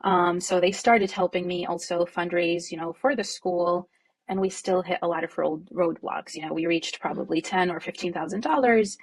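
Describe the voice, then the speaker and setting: A woman who co-founded a nonprofit, originally from Jordan, answering interview questions in a reflective, conversational way with frequent fillers and soft laughs. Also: fairly low pitch, fairly even intonation, normal speed, slight background noise.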